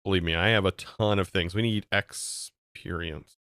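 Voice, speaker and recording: A man's voice: deep voice, fairly even intonation, normal speed, fairly bright tone. An American man streaming a game, chatting casually and answering his chat in disbelief. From United States. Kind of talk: casual livestream chat while gaming.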